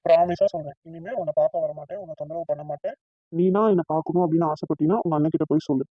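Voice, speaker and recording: A woman's voice: sits low, steady tone, rapid-fire, slightly rough, no echo. A woman voicing a cheeky young man who teases playfully, in a cartoon. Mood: coaxing. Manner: playful, teasing. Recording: tinny phone-like dry sound.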